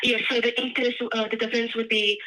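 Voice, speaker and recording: A woman's voice: fairly high pitch, little pitch movement, quick pace, pushed and bright, poor audio. A woman working as a customer service representative on a call, giving formal, polite and careful answers.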